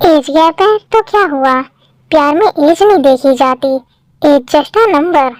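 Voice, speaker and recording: Woman voicing an outspoken young friend, fan dub, high voice, dry sound. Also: animated, slow, dry recording. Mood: defiant. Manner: outspoken, pushy. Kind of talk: fan-made dubbed drama.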